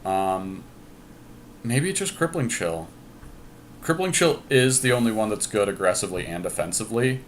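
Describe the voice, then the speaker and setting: A man's voice: fairly low pitch, lively intonation, moderate pace, a little hiss or hum. A man talking casually through card game deck choices, deliberating and reasoning aloud as he goes. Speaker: podcast host drafting a card game deck.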